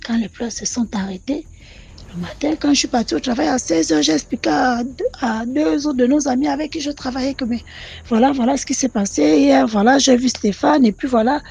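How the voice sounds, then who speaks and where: A woman telling her own mystical experience in an animated, repetitive way, speaking directly to the channel. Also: high voice, fairly quick, creaky, breathy edge. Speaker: caller sharing a personal story. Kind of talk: personal testimony storytelling.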